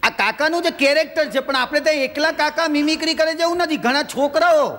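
High-voiced comedian in a reverberant hall. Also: male voice, fairly bright tone, slight background noise. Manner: storytelling with quick character voices and dialogue. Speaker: stand-up comedian. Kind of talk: stand-up joke telling in a stage show.

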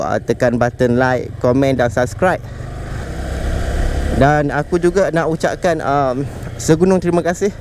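Man, Malaysian Malay accent, casual moto vlog, slightly high voice, traffic and wind noise behind. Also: a little mellow. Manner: chatty, keeps calling viewers "guys", mixes in English words. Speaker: motovlogger. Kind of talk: casual riding vlog chat. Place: outdoors on a moving motorcycle in city traffic.

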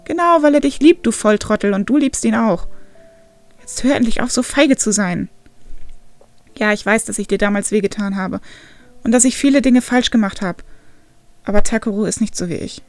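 A woman's voice: mid-range voice, moderate pace, creaky, hardly any pauses, warm tone, dry recording. A woman voicing an angry young man who scolds his friend in an exasperated way. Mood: exasperated scolding.

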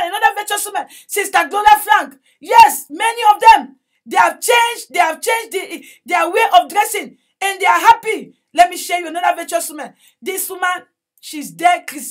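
A woman preaching with fervent, repetitive exclamations and praise. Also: extremely high pitch. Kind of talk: evangelical preaching.

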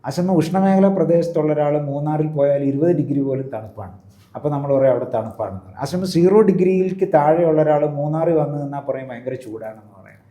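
In an interview, a priest lays out his views in a teacherly manner, often checking with the listener. His voice sits on the high side, fast and dark in tone, and the recording has a roomy echo.

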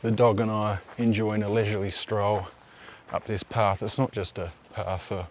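A man's voice: on the low side, normal speed, a little hiss or hum. A man in his thirties from Tasmania with an Australian accent, presenting a local history video outdoors in an easygoing, conversational way. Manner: relaxed, conversational, offhand asides. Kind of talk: casual on-location presenting. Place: outdoors by a river and on park paths.

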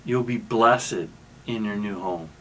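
A male pastor giving a sermon in a conversational, storytelling way, often restarting his sentences and pausing mid-thought. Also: fairly low pitch, fairly bright tone, a little hiss or hum. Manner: conversational, with frequent restarts and trailing pauses.

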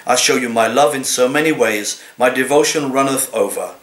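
In a small living room, a man in his sixties with a medium-pitched voice reads comic poems the way an actor would, taking on the persona of a cat. His delivery is deliberate, theatrical and expressive, and the home recording sounds roomy and echoey.

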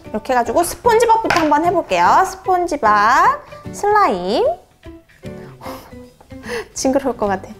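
A young woman hosting a toy unboxing for children, calling herself by name, talking to viewers as her friends, and singing out playful cries for each reveal. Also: high voice. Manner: sing-song reveal cries.

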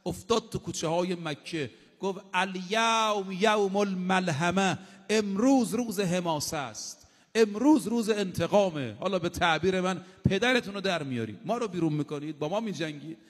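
A man's voice: high voice, lively intonation. A male preacher giving a sermon, reciting short Arabic sayings and then explaining them in plain, casual speech, addressing his listeners directly. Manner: addresses the audience directly, with emphatic repetition. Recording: long hall reverb.

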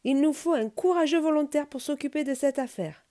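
Stern owl chairing the forest assembly, as a woman puts him on, loud, raised and commanding. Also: sits high, a little fast, voice pushed up, close to an everyday voice. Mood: rallying. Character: stern male owl leading a forest meeting.

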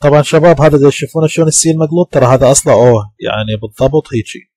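A man with an Iraqi Arabic accent explains English vowel sounds slowly and patiently, saying each sound again and again. His voice sits at a middle pitch. It is recorded close to the mic in a dry room with no echo. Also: dark tone. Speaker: English teacher. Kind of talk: classroom lecture.

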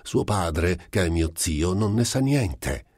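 A man's voice: low-pitched, expressive, slow pace, darkish tone, husky, dry recording, studio quality, full character voice. A man reading the part of an evasive, joking male friend in a lighter, offhand voice.

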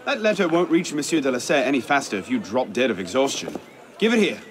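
A man's voice: medium pitch, big pitch swings, fast talker, close to an everyday voice. An actor playing a cocky, sardonic young Frenchman in a video game, with a wry, teasing, breezy manner. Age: young adult. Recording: game audio over street ambience.

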